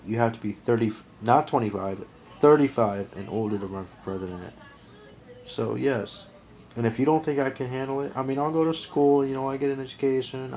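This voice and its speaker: A man's voice: medium pitch, darkish tone, rough recording. Earnest rambling man in his twenties. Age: 20s. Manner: rambling, earnest, restarts and counts aloud. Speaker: vlogger. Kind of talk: casual monologue to camera.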